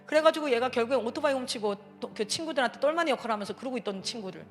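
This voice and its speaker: A missionary speaker gives a church parenting seminar talk, telling stories emphatically and animatedly with frequent exclamations. Her fairly high voice races along, with faint music behind.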